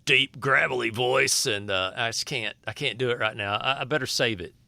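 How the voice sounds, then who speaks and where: A man's voice: mid-range voice, normal speed, vocal fry, sharp tone, no room sound. A man hosting a casual podcast, folksy and joking, with a slightly sore throat. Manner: joking, folksy, loose with restarts. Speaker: podcast host.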